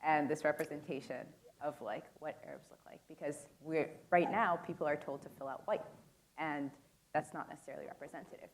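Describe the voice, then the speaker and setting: In a conference room, a young adult woman moderates a panel through a handheld microphone, keeping things casual with plenty of "like" and "um" fillers. Her low voice is brisk with fairly even intonation, and a little hiss or hum can be heard.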